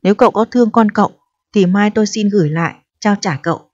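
A woman's voice: fast talker, darkish tone, lightly acted. A woman voicing a distressed, proud eighteen-year-old pregnant girl who pleads and reproaches in a storybook reading. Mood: bitter resolve. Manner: pleading and reproachful, turning shrill when upset. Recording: dull, dry audio.

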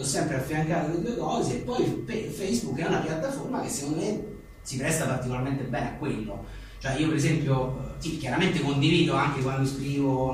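At a live book talk in an echoey indoor space, a male writer and journalist answers interview questions in a rambling, joking, self-deprecating manner. His voice is medium-pitched with a darkish tone. The distant mic picks up a very echoey room and faint noise.

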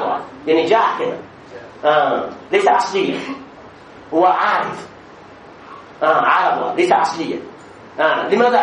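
A man's voice: sits high, fairly bright tone. A man teaching a grammar lesson as a sheikh, asking questions and answering them himself, with frequent hesitations and repeated words. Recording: echoey room, distant mic, faint noise.

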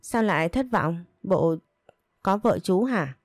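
A woman's voice: lowish voice, animated, slow, no room sound, clean studio sound. A woman reading a curious shy young woman. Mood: eager.

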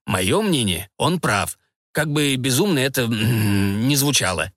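A man's voice: medium pitch, animated, a bit bright, no room sound, studio quality. A man voicing a fussy, hesitant male scientist who keeps humming "m" mid-sentence in an audiobook. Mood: lecturing. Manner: halting, hums "m" mid-sentence. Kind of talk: audiobook character voice.

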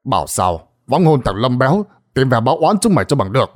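A man voicing a stern, gruff older village sorcerer in a spoken ghost story. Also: medium pitch, sing-song, a little fast. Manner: gruff, scolding, commanding.

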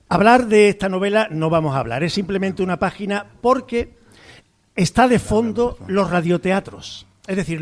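A man on a radio program, talking loosely about a novel with many fillers and restarts, then reading a page aloud. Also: high voice. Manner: hesitant, full of "eh" fillers and restarts, explanatory. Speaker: guest reader on a radio program. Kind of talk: conversational literary talk and reading aloud.

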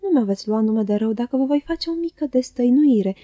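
A woman voicing a falsely humble, scheming young male clerk who speaks softly and unctuously in an audiobook reading. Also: fairly high pitch, expressive, dry recording, highs cut off. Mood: oily humble. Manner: oily, unctuous, soft-spoken.

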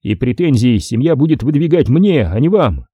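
A man's voice: medium pitch, sing-song, moderate pace, mellow, husky, no echo, clean studio sound. A man reading an audiobook voices a crude, impatient gangster who swears and bellows his lines. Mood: angry. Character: hot-tempered crooked gangster, adult man, crude and impatient.

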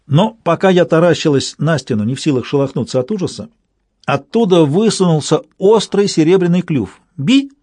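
A man reading a story aloud in measured, scripted narration. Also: fairly high pitch, expressive, warm tone, no echo, studio quality. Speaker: audiobook reader.

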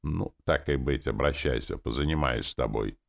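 A man's voice: rumbling low, moderate pace, gravelly, pitched below the performer's own voice. A man voicing a wheezing male zombie soldier who talks in a self-assured, condescending way. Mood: smug. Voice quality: wheezy, hissing. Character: wheezing undead zombie soldier, male, bossy drill-lover.

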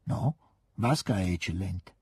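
A man doing a quiet reserved young officer. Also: sits low, animated, husky, no echo, heavily acted. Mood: subdued. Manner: quiet, measured, subdued. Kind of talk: audiobook reading.

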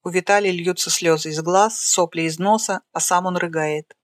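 A narrator reading the stage directions of a screenplay aloud in a plain, flat way. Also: medium pitch, moderate pace, no room sound, clean studio sound.

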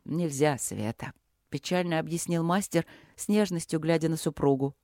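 An audiobook narrator reading a novel in an even, measured way. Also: mid-range voice, no echo, studio quality.

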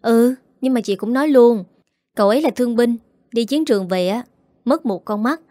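A woman voicing a gentle, anxious neighbor woman who speaks softly and hesitantly. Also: fairly high pitch, normal speed, no echo, voice pushed up, close to an everyday voice. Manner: soft, hesitant pleading.

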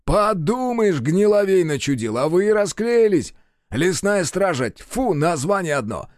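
A man doing a jeering, loud-mouthed soldier. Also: sits high, very animated, measured pace, dry recording, studio quality, voice pushed up. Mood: scornful. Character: brash mocking soldier, adult man. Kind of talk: audiobook character voice.

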